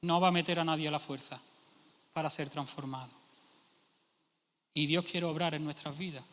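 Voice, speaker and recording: Bright-voiced preacher in a reverberant hall. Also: male voice, on the high side, steady tone, normal speed. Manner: emphatic preaching, voices imagined speakers. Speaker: pastor. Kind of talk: sermon. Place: church hall. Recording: long church hall reverb.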